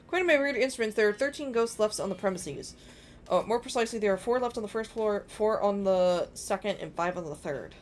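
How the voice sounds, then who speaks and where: A woman voicing an excitable, squeamish, fussy woman scientist from a western comedy game, reading the dialogue aloud. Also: mid-range voice, fast, close to an everyday voice. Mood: fussy, emphatic. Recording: clear background noise.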